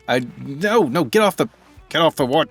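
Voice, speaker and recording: A man's voice: a little high, lively intonation, a little slow, breathy edge, no room sound, soft background music. Man rambling over a video game. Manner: thinking aloud, rambling. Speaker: gaming video creator. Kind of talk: casual let's-play commentary.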